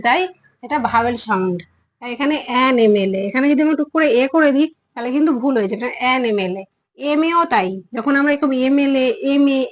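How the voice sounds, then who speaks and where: High-voiced woman teaching grammar. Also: low-quality recording. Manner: repeats words slowly, sounding out each vowel; patient, explanatory. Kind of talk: children's English grammar lesson.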